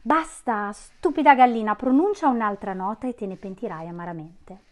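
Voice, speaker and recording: A woman voicing a wicked scheming witch who shouts curses scornfully in a read-aloud story. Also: fairly high pitch, lively intonation, a little slow. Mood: furious.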